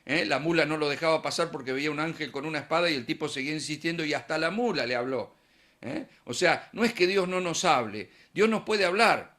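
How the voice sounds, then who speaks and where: A man's voice: on the high side, brisk, fairly bright tone. A middle-aged man with an Argentine Spanish accent preaching a sermon in a conversational way, asking questions and answering them himself.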